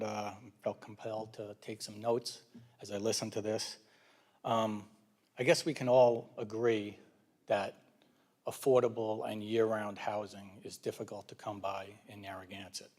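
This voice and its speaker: Low-voiced man with a New York accent. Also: level tone, moderate pace, a little mellow. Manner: conversational, with frequent restarts and asides. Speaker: public commenter. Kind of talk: public comment at a town council meeting.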